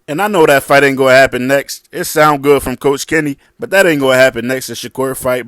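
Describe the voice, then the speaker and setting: A man's voice: mid-range voice, a bit bright, no echo, clean studio sound. A man giving casual boxing commentary in a blunt, slangy, combative way.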